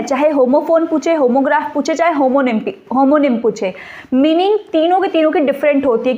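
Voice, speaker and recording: High pitched lady teacher explaining grammar terms, keeps asking the viewer quick questions. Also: a little mellow, lo-fi sound. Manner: repeats key points as quiz questions to the viewer; mixes English terms into Hindi explanations. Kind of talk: exam-prep grammar lesson.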